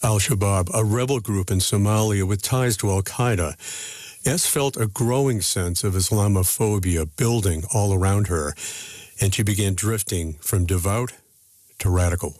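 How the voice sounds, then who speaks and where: A man reporting a radio news feature in measured, deliberate scripted narration. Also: on the low side, a little mellow, no echo.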